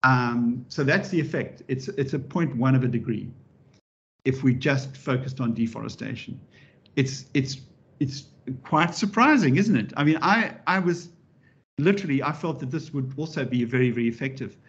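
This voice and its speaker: A man giving an interactive public lecture as a professor, lively and animated, often restarting his sentences and adding wry asides. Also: medium pitch, moderate pace. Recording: dull lo-fi recording.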